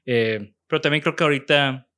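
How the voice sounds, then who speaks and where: This Mexican-accented man in his thirties, a professor who hosts a podcast, talks fairly quickly in a mid-range voice with a fairly bright tone. Conducting a relaxed interview, he hesitates, keeps restarting his sentences and drops casual slang.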